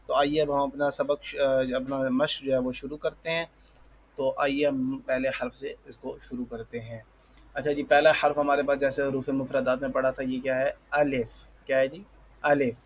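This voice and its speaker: A man with a Pakistani Urdu accent, a Quran teacher giving a patient recorded lesson, explaining slowly and repeating each term to check understanding. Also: medium pitch, flat delivery, a little hiss or hum, low-quality recording.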